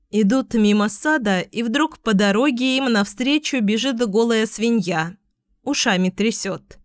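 A woman narrating a storybook tale in an unhurried, even reading. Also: medium pitch, no room sound, studio quality.

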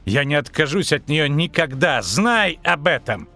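A man reading an audiobook, voicing a proud, tormented male sorcerer who speaks bitterly and breaks into shouts. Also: mid-range voice, big pitch swings, measured pace, soft background music, voice pushed up. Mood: desperate shouting. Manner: bitter, agitated, rising to shouts.

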